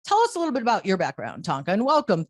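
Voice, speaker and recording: A woman's voice: mid-range voice, huge pitch swings, racing. A woman hosting a podcast in a casual, blunt chatty manner, swearing freely. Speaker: podcast host.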